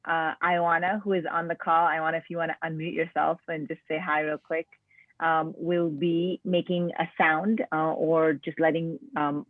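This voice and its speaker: A man's voice: fairly high pitch, level tone, normal speed, dry recording. Man hosting over a tinny call line. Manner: loose, filler-heavy, friendly organizing. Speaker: event host. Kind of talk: hosting a video call event. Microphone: video call microphone. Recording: tinny, dry phone-like call audio.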